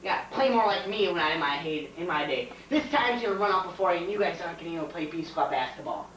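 A man's voice: a little high, lively intonation, fast, a bit bright, slight background noise. Teacher impression: boastful, petty basketball coach played by a young man, repetitive, comedy skit, roomy distant camcorder sound. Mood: frustrated, urgent. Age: young adult. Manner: repetitive, self-important. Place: home kitchen. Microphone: camcorder across the room.

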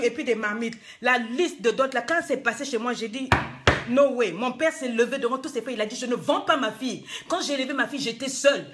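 A woman's voice: sits high, a bit bright. Scolding woman coach. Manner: scolding, emphatic, rhetorical questions. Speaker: life coach. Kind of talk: live-streamed motivational talk.

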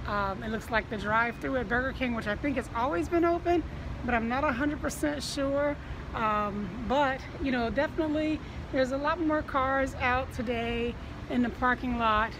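Lady vlogging casually thru a face mask, kinda high voice, phone held out, noisy surroundings. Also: normal speed. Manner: speaking through a face mask, slightly muffled. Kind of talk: casual vlog chat. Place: outside shops and inside a fabric store. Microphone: phone at arm's length.

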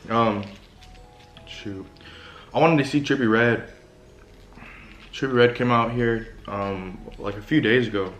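A man in his twenties does a casual mukbang chat, using slang, rambling and chewing while he speaks to viewers. His mid-range, slightly bright voice takes it slowly with long pauses; the large living room sounds echoey, soft music plays, and the camera sits a short distance away.

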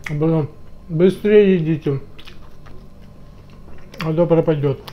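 A man's voice: on the high side, slow. A man vlogging while eating, talking with his mouth full of salad and mumbling casual comments between bites. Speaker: mukbang vlogger. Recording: muffled lo-fi with clear background noise.

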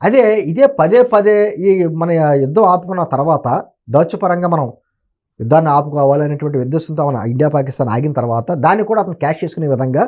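A man with a slightly high, darkish-toned voice speaks a little fast as an interview guest offering opinionated political commentary. He is emphatic and argumentative, often posing rhetorical questions.

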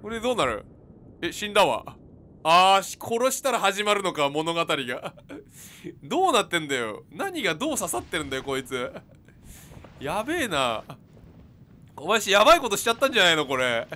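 A man's voice: high voice, big pitch swings, brisk. A man commentating on his own video game play in a jokey, chatty way, talking back at enemies. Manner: jokey, talks to enemies, yells in panic. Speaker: game streamer.

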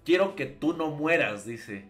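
A man's voice: fairly high pitch, very animated, unhurried. A man with a Mexican accent reacting live to a manga as a streamer, emotional and swearing often, repeating his exclamations. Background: faint background music.

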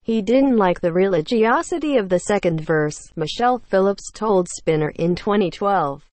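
A woman's voice: medium pitch, expressive, normal speed, a little mellow, no room sound. A woman giving scripted narration in a plain reporting tone.

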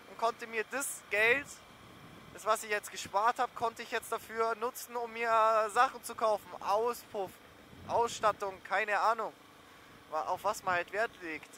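High-pitched and steady, this young adult's voice is bright and forceful at a normal pace. He's a motorcycle vlogger riding outdoors, chatting in a rambling, slangy way over motorcycle engine, wind, and road noise.

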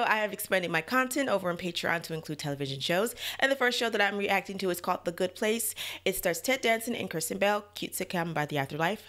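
A woman hosting a music reaction video, talking casually to viewers, chatty and quick to laugh, often turning to the audience for their opinion. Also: medium pitch, fairly bright tone. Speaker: music reaction channel host.

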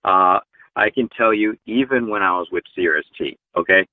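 Over a tinny, phone-like video call, a low-pitched man in his forties talks a little fast with no echo. He's a truck driver guest in a casual interview, earnest and heavy on fillers.

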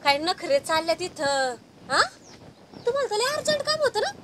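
A woman playing an angry wife from the countryside who catches her husband with another woman, talking loudly and sarcastically. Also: very high-pitched, very animated, normal speed, noisy background. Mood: scolding. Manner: loud, scolding, sarcastic. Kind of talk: comedy sketch acting.

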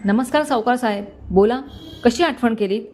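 A woman's voice: on the high side, normal speed, darkish tone, natural voice. A woman voicing a middle-aged male police commissioner who speaks firmly and with authority, in a storybook reading. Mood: cordial. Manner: firm, commanding.

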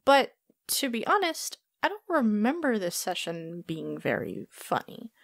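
Animated woman narrating a fantasy tale. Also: mid-range voice, a little slow, gravelly, no echo, clean studio sound. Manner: dramatic, expressive storytelling. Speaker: storyteller and game master.

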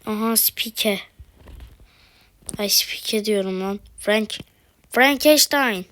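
A woman's voice: mid-range voice, extremely slow, fairly bright tone. A woman commentating her own mobile game, exasperated, exclaiming and pleading at the screen. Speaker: gaming video host.

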